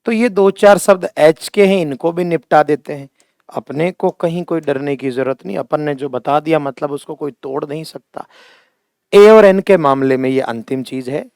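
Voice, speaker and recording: Standing at the board, a middle-aged Hindi-accented teacher speaks in a slightly high, creaky, somewhat mellow voice. He slows down and stretches words emphatically to show how they sound, affectionately addressing his students as "beta" and "bhaiya", in a dry, studio-quality recording.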